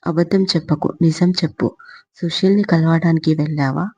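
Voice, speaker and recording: A scolding middle-aged mother, sharp-tongued and close to tears, read by a woman telling a story. The voice is husky and dark with a gravelly edge. The recording sounds muffled and lo-fi. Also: low-pitched, fairly even intonation, moderate pace. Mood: angry. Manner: scolding, tearful.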